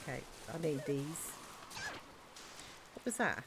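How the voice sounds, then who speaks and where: A woman's voice: sits low, expressive, takes it slowly, very noisy. A woman streamer chatting casually and rambling through stories while playing a game. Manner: chatty, rambling storyteller with regional slang.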